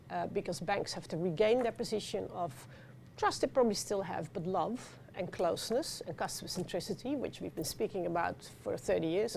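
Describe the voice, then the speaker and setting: A middle-aged Dutch woman with a Dutch accent speaking on a conference panel, animated, with many fillers and restarts. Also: mid-range voice, gravelly, slight background noise. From Netherlands. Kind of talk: panel discussion talk. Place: conference venue.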